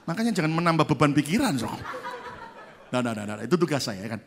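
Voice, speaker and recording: This pastor's voice is a little high, with some vocal fry, and he talks fast. Preaching in church, he tells a story animatedly and acts out the people in it.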